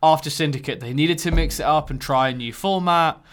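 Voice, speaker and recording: A man's voice: a little high, a little fast. A man co-hosting a gaming podcast in casual chat, easygoing and laughing often while he leads the segments. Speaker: podcast co-host.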